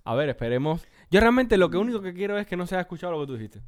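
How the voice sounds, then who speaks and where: A man's voice: high voice, sing-song, rapid-fire, dry recording, clean studio sound. A man co-hosting a casual podcast, teasing his friend and laughing often. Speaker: podcast co-host. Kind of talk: casual chat.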